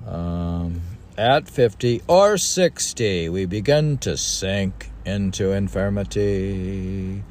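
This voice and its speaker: An older man reads a book aloud for his podcast, adding wandering, self-deprecating remarks and rereading passages as he muses. His voice is lowish and somewhat dark in tone, with slight background noise present.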